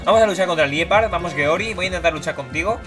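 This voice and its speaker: A young man gives casual, playful commentary while playing a video game. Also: racing. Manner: playful, voices game characters in silly high tones. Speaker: gaming YouTuber. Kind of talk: casual Let's Play commentary. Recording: game music behind voice.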